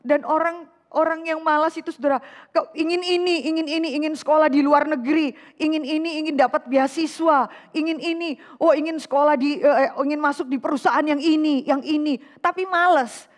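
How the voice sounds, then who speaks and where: Woman vicar delivering a sermon, high-pitched and lively, rhetorical questions with English phrases mixed in, reverberant church hall. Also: brisk. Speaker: vicar preaching. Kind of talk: sermon to a women's fellowship.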